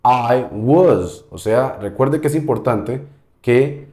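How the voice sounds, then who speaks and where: A man's voice: medium pitch, animated, slow, dark tone. Patient male teacher in an echoey room. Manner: patient, repeats points, checks in with "ok?". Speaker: English teacher. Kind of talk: explaining grammar in a video lesson.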